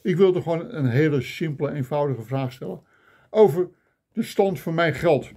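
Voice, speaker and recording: A man's voice: fairly high pitch, normal speed, mellow. An older man filming himself on a phone, delivering a mock-indignant comic rant full of grumbling complaints. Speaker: vlogger. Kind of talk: ranting comic monologue. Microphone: phone camera.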